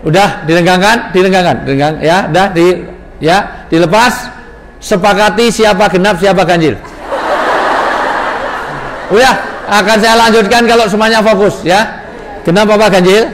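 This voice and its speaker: Male preacher, fairly high voice, jokes and directs the crowd, long reverb of a big mosque hall, faint ambience. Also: moderate pace, long pauses, slight background noise. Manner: joking, directs audience. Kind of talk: interactive mosque sermon.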